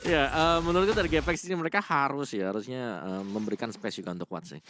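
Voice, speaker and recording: A man's voice: medium pitch, fast talker, noisy background. A man with an Indonesian accent giving analytical commentary on a video game match as an esports analyst.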